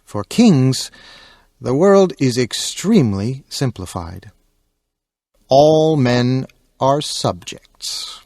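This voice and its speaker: A man narrating an audiobook in a calm storytelling manner. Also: medium pitch, extremely slow, no echo, studio quality.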